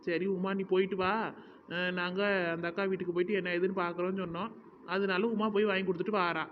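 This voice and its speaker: A woman's voice: on the low side, flat delivery, fast, a little hiss or hum, lightly acted. A woman voicing a chatty young village wife in a cartoon, gossiping to a neighbor. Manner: chatty, explaining at length. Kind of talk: cartoon dub acting. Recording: dull, reverberant lo-fi audio.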